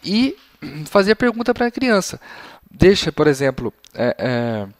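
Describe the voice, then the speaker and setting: A man teaching Latin for young children to parents, patient and explanatory, his voice slightly failing as he often clears his throat. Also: fairly high pitch, very animated, no room sound, clean studio sound. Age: adult. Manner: patient and explanatory, models phrases slowly. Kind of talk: explanatory lesson.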